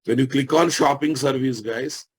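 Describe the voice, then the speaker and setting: With a husky, medium-pitched voice and a moderate pace, a man with an Indian Telugu accent delivers a live technical lesson as a software instructor. He repeats his phrases and confirms that listeners understand.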